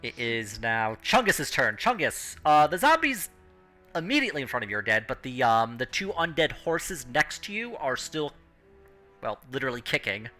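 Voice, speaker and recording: A man narrates a tabletop game casually as its game master. His voice is bright and very animated in its rise and fall, with faint music playing behind. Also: mid-range voice, moderate pace.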